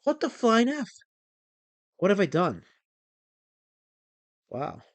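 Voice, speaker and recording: A man in his forties hosting a casual livestream, excitable and rambling as he reads chat messages aloud. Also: high voice, slow pace, no room sound. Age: 40s. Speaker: livestream host.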